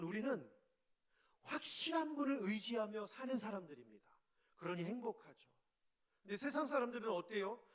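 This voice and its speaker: A male pastor giving a sermon, acting out heartfelt prayers and dropping at times to near whispers. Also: high-pitched. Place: church sanctuary.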